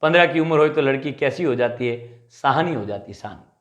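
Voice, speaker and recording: A man teaching a Hindi exam class, drilling memory tricks with animated repeated questions and answers. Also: medium pitch, brisk, roomy sound, lo-fi sound. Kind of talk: mnemonic lecture.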